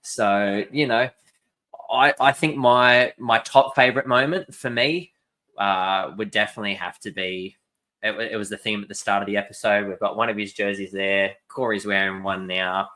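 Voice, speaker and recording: A young man co-hosts a casual sports podcast in a very low voice with a bright, forceful edge. He talks with enthusiasm and slips in jokes. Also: steady tone, normal speed. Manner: enthusiastic, joking. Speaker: podcast co-host.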